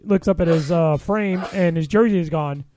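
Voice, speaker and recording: A man's voice: a little high, normal speed, dark tone, slight background noise. A man co-hosting a podcast in casual chat, easygoing and retelling things with filler words. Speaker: podcast co-host.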